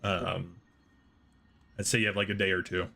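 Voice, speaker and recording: A man's voice: low voice, level tone, normal speed, gravelly, pushed and bright. A man acting as game master, explaining rules and the map step by step to his players. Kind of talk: narrating a tabletop game.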